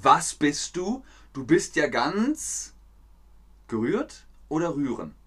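A man's voice: a little high, very animated, takes it slowly, a bit bright, husky. A man hosting a live-streamed German lesson, playful and talking to chat viewers by name. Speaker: German teacher hosting a livestream.

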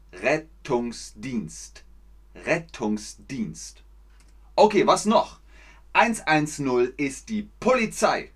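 Very slow, lively male language teacher. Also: mid-range voice, slightly rough. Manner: repeats words slowly and acts out examples. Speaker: German teacher. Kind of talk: language lesson for learners.

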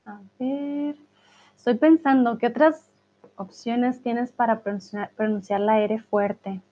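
A woman's voice: on the high side, fairly even intonation. Tinny-sounding Spanish teacher woman, laughing often. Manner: laughs often, speaks slowly and clearly. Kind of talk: live class answering viewer chat.

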